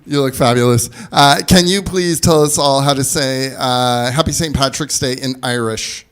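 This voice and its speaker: A man's voice: mid-range voice, normal speed, a bit bright, clean tone. A man speaking formally as a mayor, addressing a council meeting and reading out official text.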